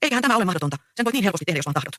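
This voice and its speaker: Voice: medium pitch, big pitch swings, fairly bright tone, no echo, clean studio sound. A reader voicing an earnest, anxious young peasant woman in a stage play read aloud. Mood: pleading. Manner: pleading, earnest.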